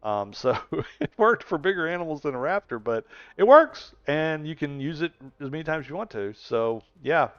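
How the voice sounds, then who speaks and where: A man in his sixties chats casually on a gaming live stream, rambling and laughing often as he answers viewers. His smooth, fairly high voice is very animated at a moderate pace, and the stream audio is dry, dull and lo-fi.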